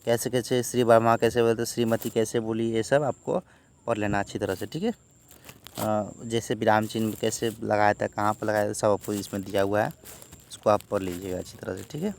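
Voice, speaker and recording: A man walking students through a textbook unit in a gravelly voice, punctuating every point with "theek hai." He acts out the sample sentences, and a faint hiss sits under the recording. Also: lowish voice, flat delivery, a little fast, a little mellow. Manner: repeats "theek hai" as a tic, acts out quoted lines. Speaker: tutor. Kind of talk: exam-prep lesson walkthrough.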